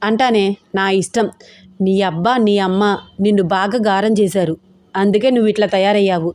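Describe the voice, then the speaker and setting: A woman's voice: mid-range voice, steady tone, moderate pace, a little mellow, no echo, clean studio sound, lightly acted. A woman playing a teasing young husband. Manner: cajoling, teasing.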